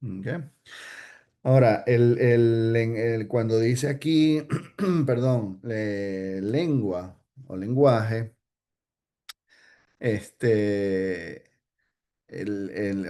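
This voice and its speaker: A man's voice: on the low side, slow pace, long pauses, warm tone. A man teaching an informal Bible study, hesitant, with many fillers and restarts, often checking in with "ok?".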